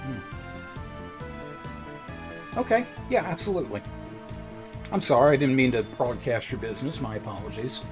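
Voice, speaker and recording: A man of middle pitch chats loosely from his home computer desk, wandering through asides and poking fun at himself. He speaks into a desk microphone, with faint music playing underneath. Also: expressive, normal speed, pauses often. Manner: rambling, chatty, self-deprecating. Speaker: livestream host. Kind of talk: casual livestream chat.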